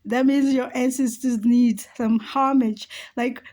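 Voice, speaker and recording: A middle-aged woman with a slightly high voice tells her spiritual experiences at an unhurried, drawn-out pace. She shifts between soft, hushed asides and loud, animated exclaims, and keeps checking in with "okay?" and "you know". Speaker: spiritual YouTuber. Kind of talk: casual spiritual storytelling. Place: home at night.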